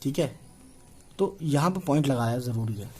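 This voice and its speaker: A man's voice: mid-range voice, expressive, normal speed, mellow, slight background noise. A man in his twenties teaching a writing lesson, patiently repeating and spelling out letters one by one. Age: 20s. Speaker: Urdu teacher.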